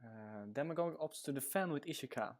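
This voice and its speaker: Speaking through a headset, a Swedish-accented man gives casual live commentary on a card game stream. His voice is fairly high, animated and brisk, and he rambles with lots of fillers.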